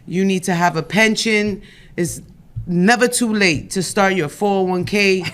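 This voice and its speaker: A man's voice: high voice, unhurried, a bit bright, clear, resonant tone. A man, an EMS lieutenant, urging listeners to plan for retirement in an emphatic, motivational way. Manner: emphatic, motivational, with repeated restarts. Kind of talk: casual podcast talk.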